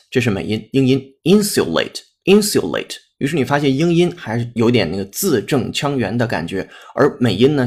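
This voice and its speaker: Teacher guy explaining pronunciation, spells stuff out, repeats words slow. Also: medium pitch, darkish tone, slightly rough. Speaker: English teacher. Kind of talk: pronunciation lesson.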